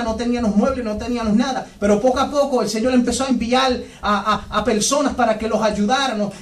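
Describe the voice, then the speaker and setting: High-voiced fervent evangelist man. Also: distant mic. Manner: fervent, storytelling, breaks into tongues. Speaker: evangelist preacher. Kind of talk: radio sermon testimony. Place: radio station studio. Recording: echoey room, voice off-mic.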